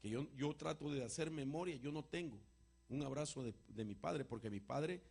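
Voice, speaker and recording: Man, gravelly husky voice, fairly high pitch, emotional sermon storytelling, swings from loud to hushed. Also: moderate pace. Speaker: apostle answering congregation questions. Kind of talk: preaching with personal testimony.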